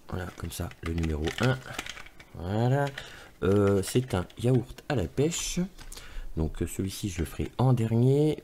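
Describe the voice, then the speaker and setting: A man's voice: on the low side, dark tone, a little hiss or hum. A man casually reviewing products on his vlog, talking loosely with many fillers and some crude asides, recorded on his camera's mic while he handles the items. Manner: rambling, full of "euh" and "voilà" fillers; informal, mildly crude asides.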